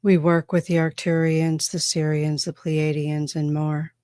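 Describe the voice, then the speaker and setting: A woman channeling a calm extraterrestrial spokesperson from Andromeda, speaking in a measured, solemn, formal way. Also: low voice, smooth, no room sound, clean studio sound. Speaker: trance channeler. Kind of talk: trance channeling.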